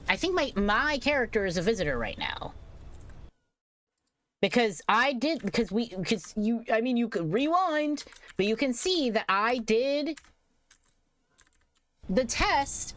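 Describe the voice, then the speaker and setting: A young woman streamer at home, giving live game commentary, thinking out loud, animated and swearing freely. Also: fairly high pitch. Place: home room.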